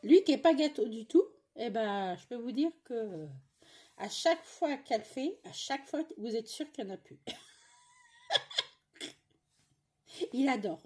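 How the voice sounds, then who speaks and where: Husky chatty woman grumbling at home. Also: on the high side, animated, moderate pace, mellow. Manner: chatty, grumbling, lots of fillers and asides. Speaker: cross-stitch vlogger. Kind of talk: casual chat while stitching.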